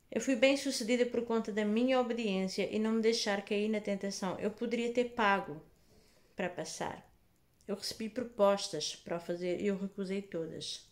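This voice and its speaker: A woman with a European Portuguese accent, telling a personal faith testimony in a casual, animated vlog, acting out the dialogue. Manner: animated, acts out dialogue in lowered voices.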